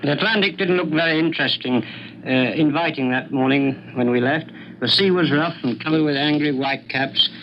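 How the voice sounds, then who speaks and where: A British man, an air force pilot, giving a grave, measured, understated account in a 1940s wartime radio broadcast. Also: fairly high pitch, creaky. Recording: muffled, noisy 1940s radio recording.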